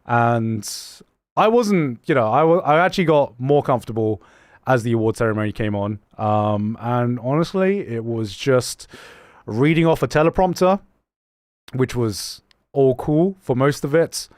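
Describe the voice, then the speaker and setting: A young man streams live, chatting casually and reading messages from viewers in a mixed, slightly British-flavored English accent. Animated and quick to laugh, he often restarts sentences mid-thought. His voice is mid-range, in studio quality with no room sound.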